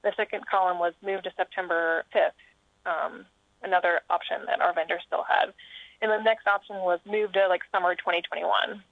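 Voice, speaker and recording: A woman in her thirties tells her story in a loose, rambling way, full of fillers. Her voice has a gravelly edge. The sound is a tinny phone line, dry and close. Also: lowish voice, steady tone, normal speed, dry recording. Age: 30s. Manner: chatty, filler-heavy, rambling. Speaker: guest. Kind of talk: casual chat over a phone line.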